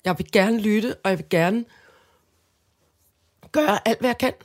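Earnest Danish woman, halting speech. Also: mid-range voice. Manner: earnest, halting, many restarts and fillers. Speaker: podcast co-host. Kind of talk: casual chat.

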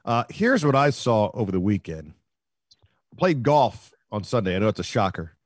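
A man co-hosting a sports talk show, telling a long rambling story that swells into excited, louder bursts. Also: lowish voice, moderate pace, no echo, clean studio sound. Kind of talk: casual sports chat.

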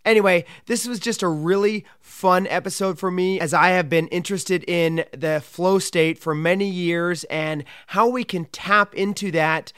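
A man's voice: high voice, fairly even intonation, a little slow, few pauses, fairly bright tone, clear, resonant tone, no room sound, studio quality. A man hosting a podcast, introducing the show and chatting casually with a guest. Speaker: podcast host.

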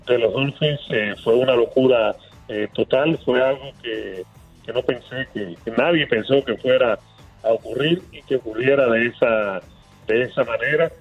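Male analyst calling in, phone-line sound, husky voice, excitable storyteller. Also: mid-range voice, moderate pace, soft background music. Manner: animated storyteller, frequent fillers and restarts. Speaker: team analyst, guest on phone.

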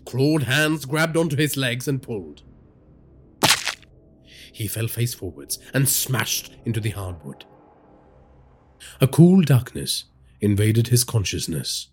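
Brief: a male horror storyteller with a husky voice and dramatic delivery. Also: mid-range voice, slow pace, pauses often. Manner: dramatic storytelling with lively inflection. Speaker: narrator. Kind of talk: scripted horror narration.

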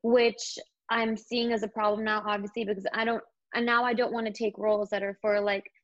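A young Indian woman, appearing as an actor guest, chats loosely about her acting work, leaning heavily on "like." Her mid-range voice moves little in pitch and runs fairly quick, with no room sound but a slightly dull, lo-fi quality.

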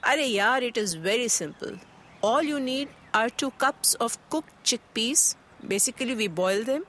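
In this scripted dialogue, an Indian-accented woman plays a health-conscious mother, helpfully giving chatty instructions in a blend of Hindi and English. She speaks animatedly at a moderate pace, her voice high-leaning and fairly bright. Music runs beneath her, with slight background noise.

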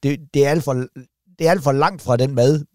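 A man's voice: mid-range voice, darkish tone, dry recording, studio quality. A man, co-hosting a podcast, riffing in a rambling, crude way. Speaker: podcast co-host, comedian. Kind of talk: casual banter.

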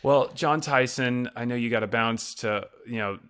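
A man's voice: medium pitch, normal speed, fairly bright tone, clear, resonant tone. A man in his thirties hosting a podcast, asking long, rambling questions full of fillers. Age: 30s. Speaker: podcast host. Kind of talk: casual podcast interview.

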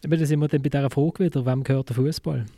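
A man with a Swiss German accent in a casual discussion, posing questions and haltingly thinking aloud. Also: mid-range voice, fairly even intonation, warm tone, dry recording, clean studio sound. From Switzerland, Basel. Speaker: football talk show panellist posing questions.

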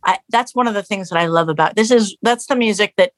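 Talking fast at medium pitch, this middle-aged musician, Canadian but raised in Los Angeles, is a guest in a casual conversational interview. The studio-quality sound has no echo. Animated and prone to restarts and fillers, she lifts her voice when repeating what others said.

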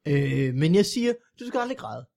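A man playing a lonely, middle-aged folk-high-school principal who keeps many cats. He gives hesitant, literal, deadpan answers. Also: gravelly, heavily acted. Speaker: comedy guest character. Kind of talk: improvised comedy podcast character.

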